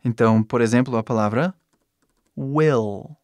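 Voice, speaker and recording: Male English teacher, native English speaker, patient and encouraging, demonstrates sounds; dry close mic, mid-pitched. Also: a little mellow, no room sound. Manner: patient, reassuring, repeats sounds slowly to demonstrate. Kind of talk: language lesson.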